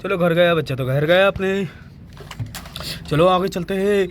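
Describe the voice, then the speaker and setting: A high-voiced man narrates a toy adventure for young children. He talks eagerly and repeats words over and over, calling out to the kids again and again, with a faint room ambience behind him. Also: unhurried, slight background noise. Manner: eager, repetitive, addresses children constantly.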